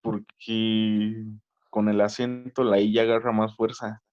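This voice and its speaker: Low slow student on a dull line. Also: male voice, little pitch movement. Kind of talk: answering in online class. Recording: dull lo-fi call audio.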